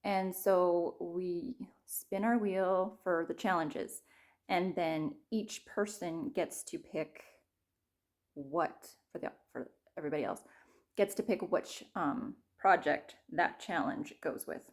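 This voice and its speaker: A woman's voice: on the low side, slow pace. A woman chats unhurriedly about her stitching projects, taking her time over every thought. She wanders off track, corrects herself and laughs at her own slips, her voice sometimes sinking to a near whisper. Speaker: cross-stitch vlogger. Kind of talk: casual show-and-tell.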